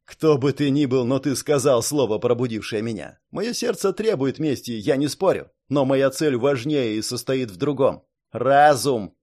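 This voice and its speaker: A man's voice: mid-range voice, animated, moderate pace, darkish tone, close to an everyday voice. A man voicing a furious young dragon-like monster man who roars, snarls and laughs in fits. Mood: defiant. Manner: roaring, snarling, laughing hysterically.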